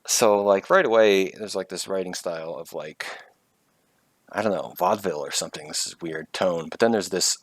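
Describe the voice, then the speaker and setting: A man's voice: low voice, moderate pace, no room sound. A man co-hosting a game review show, chatting casually and sarcastically, with lots of "like" fillers. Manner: sarcastic, fills with "like".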